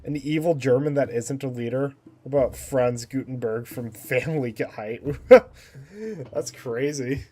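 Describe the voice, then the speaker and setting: A man's voice: medium pitch, steady tone, measured pace, warm tone. A man casually chatting on a game livestream, thinking aloud and laughing often. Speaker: game streamer.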